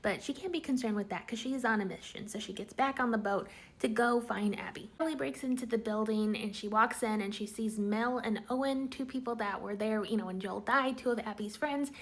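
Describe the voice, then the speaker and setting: A woman recapping a TV episode in a casual, chatty way, full of "like" fillers and quick quoted lines. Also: on the high side. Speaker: TV recap vlogger.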